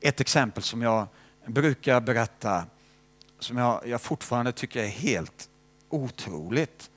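Male missionary preacher, conversational sermon, mid-pitched voice, asks listeners little tag questions. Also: expressive, fairly bright tone. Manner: conversational preaching with frequent "va?" tags.

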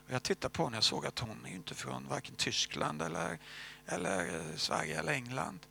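A man preaching a sermon, telling a story and dropping to hushed whispers at key moments. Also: a little high, creaky, a little hiss or hum. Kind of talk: sermon testimony.

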